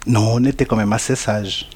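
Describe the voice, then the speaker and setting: A man's voice: fairly low pitch, fairly even intonation, moderate pace, a loud crowd. A man from central Portugal, answering a school radio interview as a parent in an easygoing, plain way.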